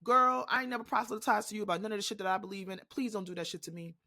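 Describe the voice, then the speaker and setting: A woman's voice: mid-range voice, steady tone, rapid-fire, sharp tone. A woman with a New York accent hosting a podcast, ranting in a blunt, profane, impassioned way in a casual monologue. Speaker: podcast host.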